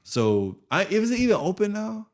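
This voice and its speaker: A middle-aged American man co-hosting a podcast in casual chat, telling animated stories and acting out quotes. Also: moderate pace. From United States. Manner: animated storyteller, acts out quotes in a high voice. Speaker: podcast co-host.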